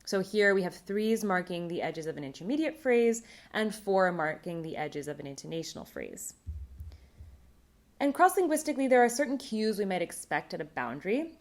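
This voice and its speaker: Measured woman giving a linguistics talk. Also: medium pitch, big pitch swings. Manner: clear, measured, explanatory. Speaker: linguistics conference presenter. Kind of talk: recorded academic talk.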